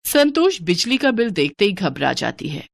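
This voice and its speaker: A woman narrating a scripted cartoon moral story in a plain, even way. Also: mid-range voice, normal speed, vocal fry, no room sound.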